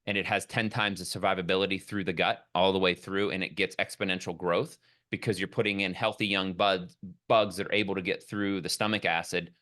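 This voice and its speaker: A man with a fairly low, bright and forceful voice, chatting as a guest on a podcast. He tells long stories with enthusiasm and wanders from point to point as he goes. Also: steady tone, a little fast. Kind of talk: casual podcast conversation.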